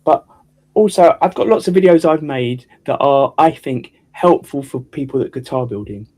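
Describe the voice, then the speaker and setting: Rambling mellow-voiced male host. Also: mid-range voice, lively intonation, normal speed. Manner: rambling, restarts often. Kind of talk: casual chat.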